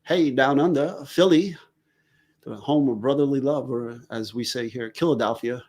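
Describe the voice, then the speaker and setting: A man's voice: mid-range voice, a little slow, a little mellow. A man, chatting casually as a forensics guest on a live stream and joking about place names. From New York. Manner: jokey, riffs on place names.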